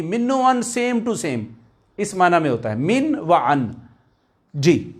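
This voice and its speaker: A man teaching a recorded language lecture, repeating key words slowly and drawn out for drill. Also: fairly high pitch.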